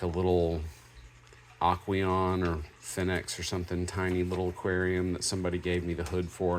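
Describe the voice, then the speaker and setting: A man, a fish hobbyist, chatting casually through a first look at some lights in a room at home, rambling easygoing with fillers and corrections, into a handheld camera. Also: sits low. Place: home room with fish tubs under a shelf.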